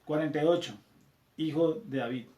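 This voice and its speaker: A Colombian man leads a scripture class, reading passages aloud and going over them again. His voice sits a little high for a man. The room around him is noticeably echoey. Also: normal speed, warm tone. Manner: reads verses aloud, repeats them, checks in with "¿cierto?". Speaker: Bible study teacher.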